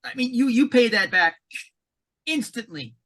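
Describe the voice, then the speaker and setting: A man talking as a guest on a podcast conversation, emphatic and animated, often repeating words as he goes. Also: very high-pitched, a little slow. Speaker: commissioning consultant, podcast guest.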